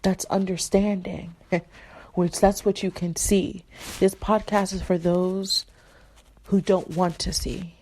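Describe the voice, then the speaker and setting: A woman's voice: on the low side, level tone, takes it slowly, a little mellow. A young adult woman hosting a podcast, talking in a casual monologue full of asides and rhetorical questions. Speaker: podcast host.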